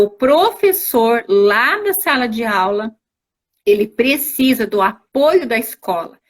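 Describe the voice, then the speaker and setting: A woman teacher giving explanatory interview answers, working through step-by-step examples and often checking in with tag questions. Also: a little high. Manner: didactic, spells out examples, frequent tag questions. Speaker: teacher, invited guest. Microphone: video call on a live stream.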